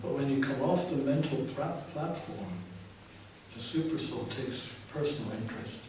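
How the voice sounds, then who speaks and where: A man's voice: mid-range voice, measured pace, a little mellow. Older man lecturing in an echoey hall. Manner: exhorting, repeats phrases for emphasis. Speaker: visiting spiritual teacher. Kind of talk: devotional lecture with consecutive translation. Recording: echoey hall, from far off, faint noise.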